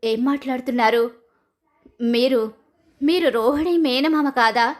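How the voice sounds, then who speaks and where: A sharp, indignant mother-in-law, voiced by a woman. She sounds high and cutting, with the threatening edge of a storybook telling of a family drama. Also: unhurried. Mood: suspicious. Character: shocked, angry middle-aged mother-in-law.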